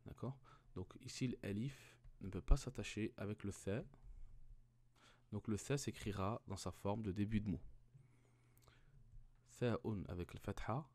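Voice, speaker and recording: Slow, patient male language teacher. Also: fairly low pitch, a little mellow. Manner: patient, repeats each sound several times, asks rhetorical questions. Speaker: Arabic reading teacher. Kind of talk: slow step-by-step reading lesson.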